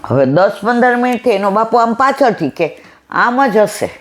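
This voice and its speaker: A woman's voice: on the high side, big pitch swings, moderate pace. A woman giving a devotional satsang talk, acting out family dialogue in a folksy storytelling style. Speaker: satsang speaker.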